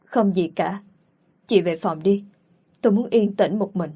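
Storybook: woman reading a proud, sorrowful girl of eighteen, husky and pleading. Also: mid-range voice, a little slow, mellow.

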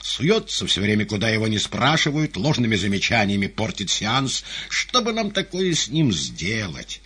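A man's voice: lowish voice, big pitch swings, normal speed, sharp tone, breathy edge, voice pushed up, heavily acted. A man voicing a mocking conjurer's assistant with a bleating goat-like tenor in a theatrical, jeering manner. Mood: mocking showman.

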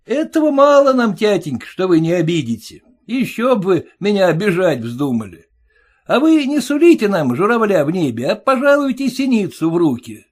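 A man's voice: sits high, huge pitch swings, normal speed, pitched above the performer's own voice, heavily acted. A man voicing a sarcastic, quarrelsome young groom who mocks his new in-laws in a jeering, indignant way.

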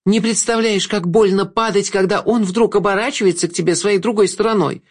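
A man voicing an embittered young woman who demands revenge in an audiobook, in a high, pleading and urgent voice. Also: steady tone, brisk. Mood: urgent, bitter.

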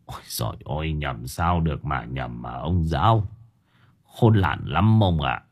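Brief: man doing a husky, rustic old vendor, coarse and fretful, low rumbling voice. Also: big pitch swings, unhurried, full character voice. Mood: lamenting. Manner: whining, lamenting, cursing coarsely.

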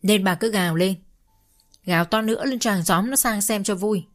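A woman's voice: medium pitch, normal speed, close to an everyday voice. Woman voicing a fed-up old father-in-law. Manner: gruff, scornful rebuke. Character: weary, fed-up older village father-in-law.

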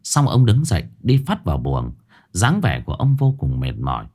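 Expressive male ghost-story narrator. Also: sits low, normal speed. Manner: expressive, dramatic reading.

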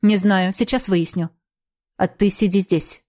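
A woman's voice: mid-range voice, fairly even intonation, measured pace, dark tone, natural voice. A woman voicing a protective, commanding alien warrior man in a science fiction audiobook, speaking tersely.

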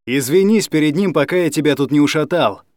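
Casting: man doing a curt, scornful tough guy, lively delivery, dry close sound. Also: a little high, fairly quick, no room sound, natural voice. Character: blunt, tough young man, fed up.

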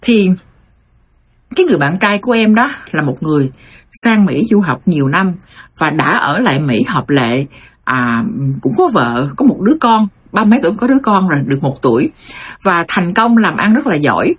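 Middle-aged woman host, husky voice, animated story monologue, addresses the audience directly. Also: lowish voice, normal speed. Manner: addresses audience as "thưa quý vị", animated retelling. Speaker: host retelling listeners' life stories.

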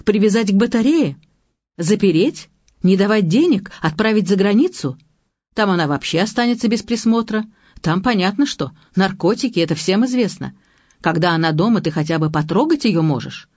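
A woman's voice: medium pitch, animated, moderate pace, a little mellow, no room sound, lightly acted. A woman reading the part of a weary middle-aged husband and father who sounds helpless and resigned, in a dull, lo-fi audiobook recording. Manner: tired, resigned, reasoning.

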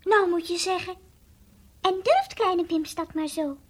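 Bims, a woman playing a tiny toy dog. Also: measured pace. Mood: pleading. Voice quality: high childlike voice, drops to whispers. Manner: earnest, confiding storytelling. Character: small timid toy dog, childlike. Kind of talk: 1960s radio drama acting.

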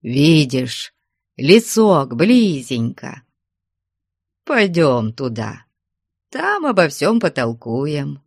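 Casting: a woman playing a nervous man coaxing in low, slow tones, dry close sound. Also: sing-song, gravelly, husky, no echo, heavily acted. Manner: hushed, pleading, slow. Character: flustered anxious man, pleading softly.

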